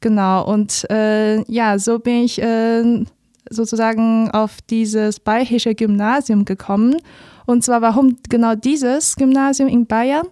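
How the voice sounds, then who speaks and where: Chinese woman in her twenties, soft mellow voice. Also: fairly high pitch, little pitch movement, unhurried, no echo, clean studio sound. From China. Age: 20s. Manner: careful, many fillers. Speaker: guest. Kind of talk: interview. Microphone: studio mic.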